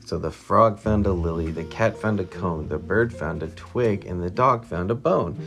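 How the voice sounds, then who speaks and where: A woman reading a rhyming picture book aloud to a child at home, with lively storytelling. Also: very deep voice, moderate pace. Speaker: reader to a child. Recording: music playing behind.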